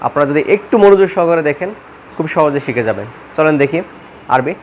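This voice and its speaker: A man's voice: fairly high pitch, lively intonation, fast talker, darkish tone, slight background noise. A man teaching Quran reading in Bengali, reciting letters one by one and repeating his own questions and answers. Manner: patient, repeats questions and answers them himself. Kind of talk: step-by-step spoken lesson.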